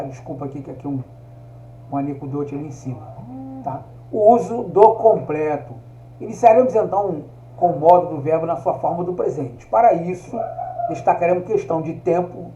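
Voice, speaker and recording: A man with a high but mellow voice teaches a recorded lesson, walking through each point patiently and checking in with listeners. He sounds like he's in an echoey room. The recording is dull and lo-fi. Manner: explanatory, often checks in with "tá?".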